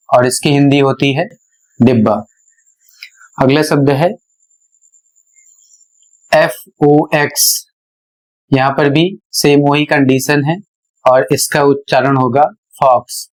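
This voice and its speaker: A man's voice: mid-range voice, rough recording. A man giving a pronunciation lesson, spelling out words letter by letter and explaining each one. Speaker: English teacher.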